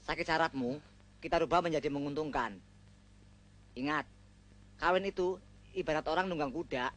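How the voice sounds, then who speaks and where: A man's voice: fairly high pitch, moderate pace, a bit bright, lightly acted. An actor playing a cocky young man who bosses and teases his friend, barking exercise counts and lecturing him in a film comedy. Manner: bossy, teasing, barks exercise counts. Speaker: friend coaching a groom. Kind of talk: 1980s film comedy acting.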